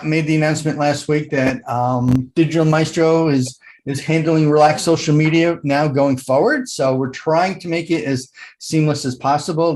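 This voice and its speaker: A man hosting a business networking meeting over a video call, relaxed and joking. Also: a little high.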